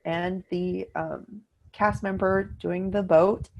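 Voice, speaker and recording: A middle-aged woman co-hosting a podcast, telling a story in casual chat and acting out the quoted lines in a higher voice. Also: steady tone, takes it slowly, vocal fry, muffled recording. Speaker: podcast co-host.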